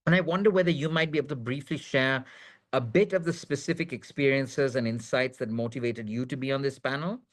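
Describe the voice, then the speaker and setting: A man moderating an online panel webinar, introducing guests with many ums and restarts. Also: mid-range voice. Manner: many fillers and restarts, measured. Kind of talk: hesitant spoken introduction. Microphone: video call.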